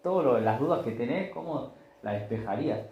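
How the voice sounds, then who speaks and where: A man's voice: medium pitch, animated, a little fast, reverberant, highs cut off, a little hiss or hum. A man preaching a Sunday sermon, telling stories in a conversational way and acting out the voices in them. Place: church.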